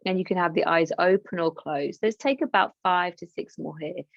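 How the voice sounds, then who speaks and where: A woman yoga teacher from England leads a class in a low, gravelly voice, gentle and encouraging, with chatty asides. The sound is dry and a little dull, as if recorded on modest gear. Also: normal speed, dry recording. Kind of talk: guided yoga class instruction.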